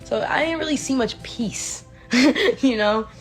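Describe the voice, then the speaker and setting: A woman telling a painful childhood story in an animated, slangy way, acting out the scenes as she talks. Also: fairly high pitch, measured pace, faint music behind. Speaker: interviewee recalling her childhood. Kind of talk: emotional storytelling.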